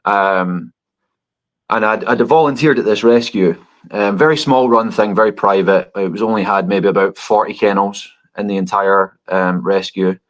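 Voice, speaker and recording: Thoughtful, lower-voiced man in his thirties. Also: normal speed. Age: 30s. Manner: thoughtful, hesitant with restarts. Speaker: dog trainer and guest. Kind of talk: conversational podcast interview.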